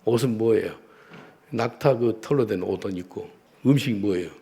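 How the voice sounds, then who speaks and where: A man's voice: lowish voice, normal speed, gravelly, warm tone. A middle-aged man preaching a sermon in a Korean accent, telling a story with emphasis and leading the congregation in repeated prayers. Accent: Korean, with Korean-accented English phrases. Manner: storytelling, acts out a street encounter with quoted English. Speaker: pastor.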